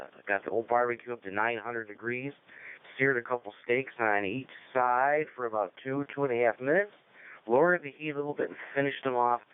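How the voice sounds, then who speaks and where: A man's voice: medium pitch, clean tone. A man hosting a ham radio net in a chatty, rambling way, heard over a radio link. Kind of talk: casual on-air net chat. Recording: narrow radio-link sound, dry.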